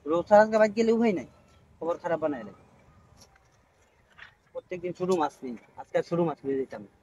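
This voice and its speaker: A man performing a comic fishing skit, talking in excitable, scolding bursts. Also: on the high side, fast, muffled recording, a little hiss or hum. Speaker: comic fisherman.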